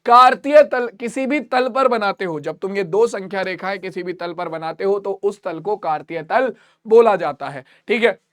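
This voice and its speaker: A man with a high voice teaches a math lesson. He repeats each point and asks his students questions to check they follow. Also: normal speed, a bit bright.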